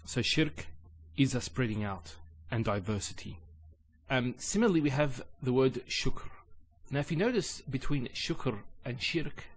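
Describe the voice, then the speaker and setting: A man teaching an Arabic linguistics lesson in English, explaining calmly with measured pauses. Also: mid-range voice.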